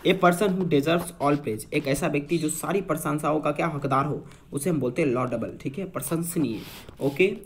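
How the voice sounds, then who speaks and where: A man's voice: a little high, slight background noise. A young man teaching English vocabulary for an exam, explaining patiently and quizzing his listeners with repeated questions. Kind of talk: vocabulary lesson.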